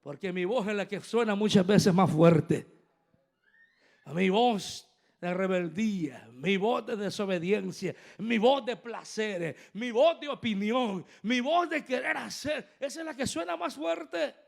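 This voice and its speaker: A man preaching a fervent sermon in a high, gravelly voice. He drops to quiet asides, then climbs into loud, driving emphasis. He keeps talking straight to his congregation and has them repeat after him. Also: unhurried. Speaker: apostle preaching.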